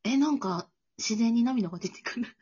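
A woman's voice: fairly high pitch, moderate pace, dark tone, slightly rough, dull audio. A woman with a Kansai Japanese accent co-hosting a casual chat podcast, playful and easygoing. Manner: playful, easygoing, laughs often. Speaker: podcast co-host.

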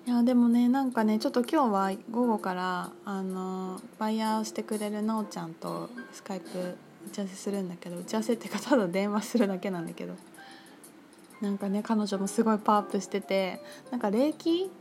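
A woman talking casually on her own about her crystal shop, chatty and full of fillers, lively when she quotes others. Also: medium pitch, fast. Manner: chatty, filler-heavy, animated quoting. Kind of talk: casual solo talk. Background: music.

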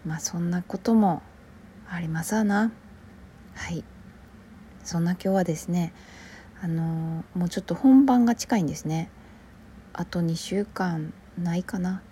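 A woman with a Kansai accent, an actor chatting alone on her own show, relaxed and rambling, often sinking to a soft near-whisper. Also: on the low side, a little slow, long pauses, a little hiss or hum. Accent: Kansai Japanese. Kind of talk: casual solo podcast chat.

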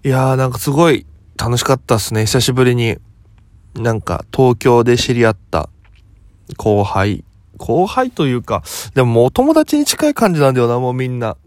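A young comedian from Okinawa, just woken up, telling a rambling story in a relaxed solo talk. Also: male voice, medium pitch, normal speed, no echo. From Okinawa, Japan. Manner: relaxed rambling storytelling, quoting others as he goes. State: just woken up, voice lower than usual.

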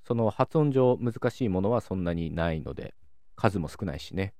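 Low-voiced male host, calm and lively in pitch, dry recording, for an educational monologue. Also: normal speed, dry recording. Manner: calm, explanatory, lively intonation. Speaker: podcast host explaining linguistics. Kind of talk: calm solo educational talk.

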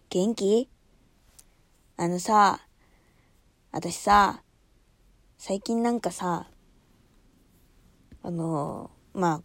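A woman's voice: mid-range voice, dry recording. A young woman hosting a casual solo talk show, chatting in a rambling way and laughing often.

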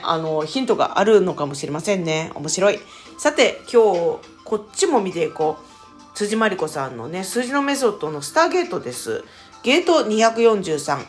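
A woman from Tokyo with an old Tokyo-style accent, hosting a spiritual podcast in a chatty, playful way and calling herself by her nickname. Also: mid-range voice. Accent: Edo-style Tokyo dialect. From Tokyo, Japan. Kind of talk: casual solo podcast talk.

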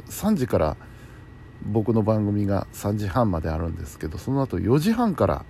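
A man's voice: low-pitched, gravelly, warm tone. A man chatting casually and alone as the host of a bedtime talk show, musing to himself in a polite, conversational way. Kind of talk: casual solo chat. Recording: faint background noise.

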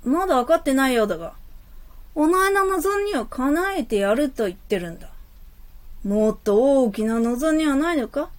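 Ancient lamp genie played by a woman: proud, exasperated wish-granter, gruff old-fashioned phrasing, pitched a bit high, comic stage delivery. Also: lively intonation, moderate pace. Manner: gruff old-fashioned masculine speech, bossy. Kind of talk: comic stage play acting.

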